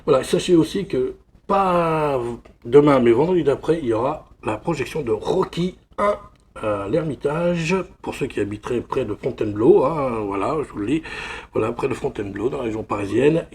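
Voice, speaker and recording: A man's voice: medium pitch, animated, moderate pace, darkish tone. A man from France chatting casually through an unboxing, rambling and constantly saying "voilà". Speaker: film collector vlogger.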